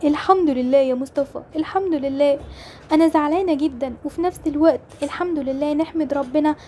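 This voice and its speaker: A woman's voice: high-pitched, fast, warm tone, slight background noise, natural voice. A woman with an Egyptian accent voicing a young mother mourning a lost twin in a toy-game role-play drama. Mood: sad, pleading. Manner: plaintive, tearful pleading.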